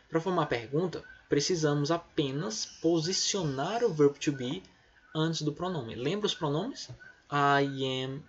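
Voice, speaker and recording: A man's voice: fairly high pitch, husky, highs cut off. Patient Brazilian man teaching English. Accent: Brazilian Portuguese. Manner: patient, explains step by step, often adds "tá?" and "né?". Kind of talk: recorded remote lesson.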